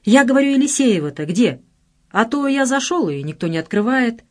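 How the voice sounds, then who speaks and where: A woman voicing a cheerful young man just back from army service, speaking with lively pitch swings in an audiobook reading. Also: normal speed. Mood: eager, coaxing.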